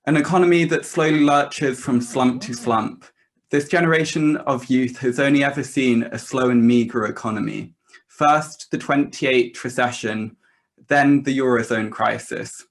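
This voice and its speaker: Young man giving a political rally speech. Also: medium pitch. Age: young adult. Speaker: student activist speaker.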